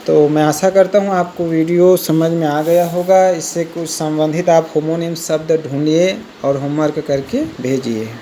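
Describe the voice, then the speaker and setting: A male teacher giving a vocabulary lesson, explaining slowly, repeating each word and spelling it out letter by letter. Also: fairly high pitch, steady tone, dark tone, a little hiss or hum.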